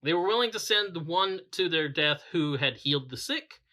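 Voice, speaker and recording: A man with a very bright, fairly high voice gives an informal Bible reading and commentary. He talks in a loose, conversational way, stumbling and restarting as he goes. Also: expressive, normal speed, slight background noise. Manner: conversational, with frequent restarts and self-corrections. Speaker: campus minister.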